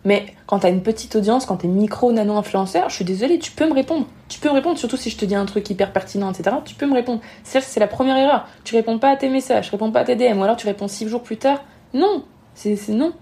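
This podcast guest is a woman and Instagram marketing expert whose voice is a little high and warm. Her social media advice comes out rapid, frank and emphatic. She repeatedly acts out the thoughts of others.

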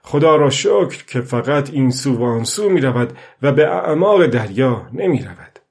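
A man's voice: mid-range voice, a little mellow, close to an everyday voice. A man voicing a weary old fisherman who talks aloud to the fish and to himself, strained and pleading, in a storybook reading. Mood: worried.

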